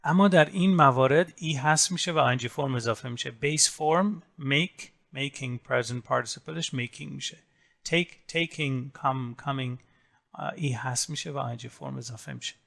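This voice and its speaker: A man teaching an English grammar lesson, explaining rules step by step and saying English example words slowly. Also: medium pitch, creaky, fairly bright tone. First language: Persian. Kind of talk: recorded grammar lesson in Persian.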